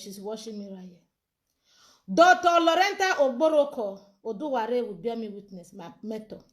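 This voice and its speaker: A Nigerian woman with a high-pitched voice speaks in a live social media monologue. She sounds heated and insistent, and she keeps demanding to be heard. She comes across as a campaign organizer speaking her mind.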